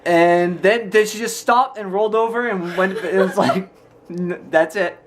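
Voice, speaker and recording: Casual vlog storyteller, mid-range voice, animated retelling with imitated reactions. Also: mid-range voice, unhurried, noisy background. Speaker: vlogger. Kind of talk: casual storytelling chat to camera.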